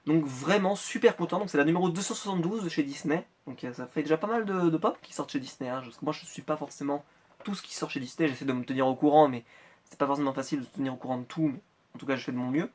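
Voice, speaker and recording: A man from France talks on a close mic as he unboxes collectible figures. His voice sits a little high, and he rambles in a casual way, full of small hesitations and restarts. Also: fast, a little mellow. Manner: chatty, rambling with many hesitations. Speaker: Funko Pop collector vlogger.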